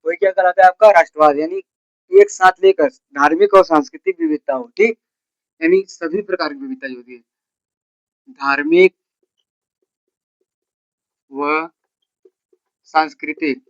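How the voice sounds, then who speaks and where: A man teaching a school history class. He asks his students questions and answers them himself, and he repeats the key terms slowly. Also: a little high, no echo, lo-fi sound. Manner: repeats key terms slowly, with a filler word after each point. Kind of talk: classroom lecture.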